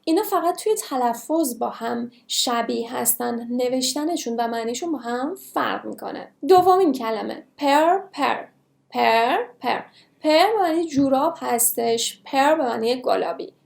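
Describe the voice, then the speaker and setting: High-voiced woman teaching English words. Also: lively intonation, creaky, a little mellow, echoey room. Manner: slow, careful word repetition. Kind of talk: language lesson.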